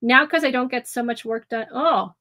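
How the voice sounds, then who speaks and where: A woman with a higher voice talks at a moderate pace while hosting an art livestream from a room at home, with soft music in the background. She chats casually with viewers and the live chat, rambling with plenty of ums, restarts, and easy laughter.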